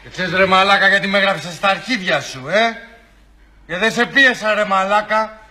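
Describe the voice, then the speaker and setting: A man's voice: high voice, sharp tone. A man playing a sneering collector who badgers and mocks another man about owed money. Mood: taunting. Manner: mocking, badgering questions. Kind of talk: comedy sketch acting.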